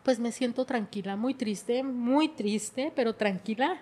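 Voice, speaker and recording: A woman's voice: fairly high pitch, a little slow, darkish tone. A middle-aged woman, telling her life story in an emotional way and often repeating her words. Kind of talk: personal testimony.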